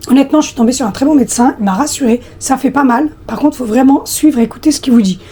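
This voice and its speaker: A woman in her thirties with a husky, slightly hoarse voice, chatting casually to her viewers with many hesitations. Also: high-pitched, quick pace, mellow. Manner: hesitant, many fillers, talks directly to viewers. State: hoarse after flu, coughing. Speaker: lifestyle vlogger.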